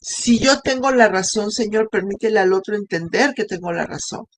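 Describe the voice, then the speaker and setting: Lady preaching, telling her own story real conversational, asks the crowd stuff, middle aged, normal pitch. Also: normal speed. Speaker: women's ministry speaker. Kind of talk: personal testimony sermon.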